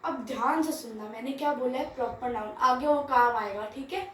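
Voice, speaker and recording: High-voiced woman teacher in an echoey room. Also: normal speed, a bit bright, distant mic, a little hiss or hum. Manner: asks rhetorical questions and answers them herself, checks in with "theek hai". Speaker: English grammar teacher. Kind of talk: classroom grammar lesson mixing Hindi and English.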